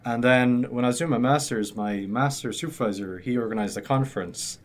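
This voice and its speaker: A young Irish man in his twenties, a graduate student, chats casually as an interview guest in a medium-pitched voice at a slightly quick pace. He rambles with plenty of fillers and restarts.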